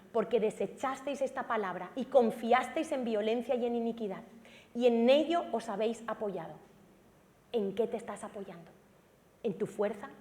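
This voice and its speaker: A woman pastor with a Peninsular Spanish accent preaching a sermon dramatically and emphatically, sometimes rising to shouts. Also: on the high side, big-room sound. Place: church sanctuary.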